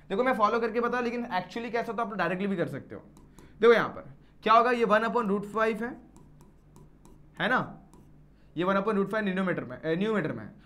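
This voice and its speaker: A man's voice: sits high, fairly bright tone. A male maths teacher explaining problems step by step in a classroom lecture, often putting questions to his students.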